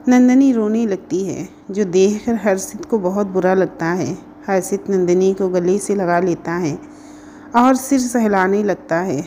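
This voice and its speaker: A woman narrates a scripted story in a steady, even reading voice. Her tone is mellow and dark, and a faint noise runs beneath it. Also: mid-range voice, a little slow.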